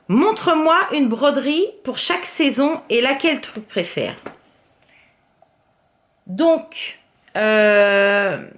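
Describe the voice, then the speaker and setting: A woman vlogger in casual show-and-tell chat, talking her way through her crafts with many fillers and the odd soft murmur. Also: a little high. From France. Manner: chatty, filler-heavy, often drops to a soft murmur.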